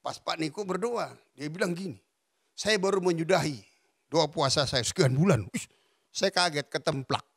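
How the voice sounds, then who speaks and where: A man's voice: fairly high pitch, normal speed, vocal fry, slightly rough, no room sound, clean studio sound. A male pastor preaching a sermon, telling stories with frequent laughter. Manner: animated storytelling preacher, laughing often.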